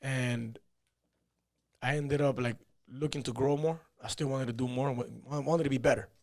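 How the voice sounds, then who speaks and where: A Peruvian-born fighter in his thirties, whose first language is Spanish, tells his life story as a podcast guest in a casual storytelling interview. He rambles loosely, often saying "you know" and "man." His medium-pitched voice is steady, a little mellow, and moderately paced.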